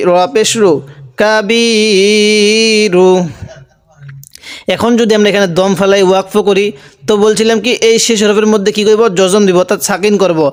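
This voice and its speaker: A man teaching Quran reading, spelling out Arabic letters one by one and then chanting the words drawn out. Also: high voice. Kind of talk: slow spelling-out recitation lesson. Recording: long hall reverb.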